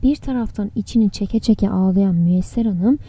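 A woman narrating an audiobook chapter in a steady, even reading voice. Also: medium pitch, normal speed, slightly rough.

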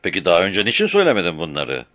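A man's voice: low-pitched, wildly swooping pitch, racing, a bit bright, no room sound, full character voice. A man voicing a stern, short-tempered army captain who gives curt orders, in an audiobook. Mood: commanding. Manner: curt, commanding.

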